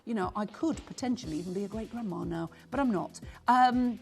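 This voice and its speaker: A woman's voice: mid-range voice, vocal fry, faint music behind. A woman in her sixties presenting on a live shopping channel, chatty and urgent as she rattles off buyers' names. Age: 60s. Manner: chatty, rapid roll-call of buyers, upbeat urgency. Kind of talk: live TV sales pitch.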